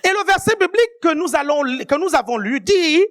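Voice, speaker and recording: A woman delivering a sermon in a high, bright voice. She speaks with force and keeps checking that the congregation is still following. At key points she rises to shouted emphasis. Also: lively intonation, a little fast. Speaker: preacher.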